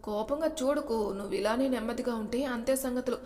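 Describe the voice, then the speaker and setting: Cheeky younger brother, woman doing his voice, teasing, quick-talking, fairly high voice, reverberant. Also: warm tone, natural voice.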